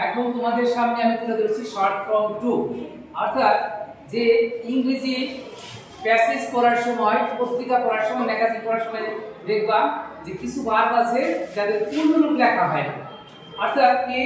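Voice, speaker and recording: A man teaching an English grammar lesson to his students. He asks questions and answers them himself, and drags out recited word pairs slowly. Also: very high-pitched, slight background noise. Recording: very echoey room, mic at a distance.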